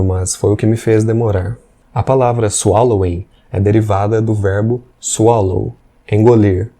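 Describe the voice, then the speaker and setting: A man, teaching English patiently and slowly repeating examples. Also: on the low side, mellow. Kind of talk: explanatory language lesson.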